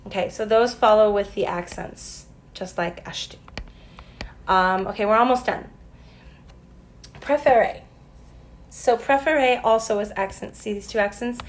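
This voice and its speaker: A woman teacher talks through a recorded French lesson, spelling out letters one by one and slowing down for example sentences. Her voice sits at a medium pitch. There is a faint noise in the recording. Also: steady tone, rough recording.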